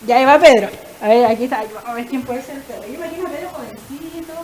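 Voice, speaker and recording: High-voiced woman preaching animatedly. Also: fast talker, rough recording. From Chile. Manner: animated storytelling, directing the congregation, laughs often. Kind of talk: lively interactive sermon.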